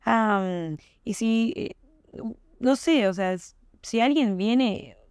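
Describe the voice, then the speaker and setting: A woman's voice: on the high side, expressive, slow, darkish tone, smooth, no echo. A young woman with an Argentine accent hosting a podcast, talking casually and emphatically with rhetorical questions. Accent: Argentine Spanish. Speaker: podcast host. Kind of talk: casual monologue.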